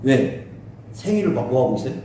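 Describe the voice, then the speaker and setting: A man's voice: mid-range voice, very animated, fairly quick, mellow. A man teaching a Bible study as a pastor, asking his listeners questions and acting out quotes in a raised voice. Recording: very echoey room, speaker far from mic, faint hiss.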